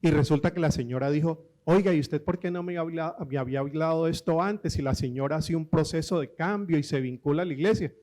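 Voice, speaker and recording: Lively preacher, slightly high voice. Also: male voice. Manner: storytelling with quoted voices and humor; lively, slows down for emphasis. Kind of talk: sermon.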